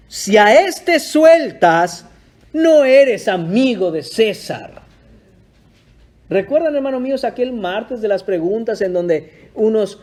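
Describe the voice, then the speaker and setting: A man's voice: high-pitched, a little mellow. A male pastor preaching a sermon in a church, emphatic and dramatic as he tells the story.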